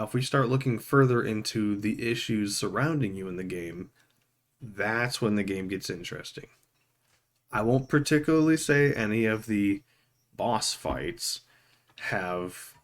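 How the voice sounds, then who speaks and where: Low-voiced man casually reviewing a game. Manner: rambling, conversational, pausing to find words; informal, tongue-in-cheek.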